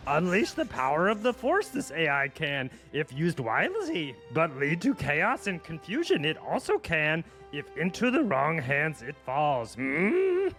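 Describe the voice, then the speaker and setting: A man's voice: fairly high pitch, wildly swooping pitch, measured pace, hardly any pauses, fairly bright tone, soft background music, full character voice. A man putting on a humming backwards-talking old alien sage. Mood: solemn. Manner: inverted word order, humming "mm" between phrases.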